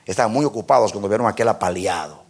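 A male pastor preaching an impassioned sermon that rises to shouted peaks. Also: on the low side, quick pace, husky.

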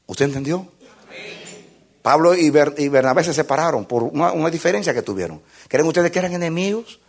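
Husky, animated male preacher. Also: a little high, brisk. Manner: animated, emphatic, playful, acts out scenes. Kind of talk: sermon.

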